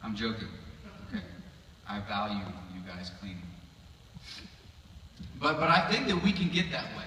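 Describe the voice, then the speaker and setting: A man's voice: on the low side, sing-song, moderate pace, sharp tone, slight background noise. A man giving a casual sermon in a chapel, reading scripture and making joking, sarcastic asides, recorded on a phone from the audience. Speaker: preacher. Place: chapel hall. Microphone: audience member's phone from far off. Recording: echoey hall, phone from far off.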